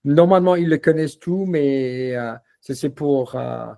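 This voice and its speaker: Relaxed man with a mellow voice. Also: on the high side, measured pace, gravelly. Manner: relaxed, repeats words, many fillers. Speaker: language trainer demonstrating a learning platform. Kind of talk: casual software walkthrough.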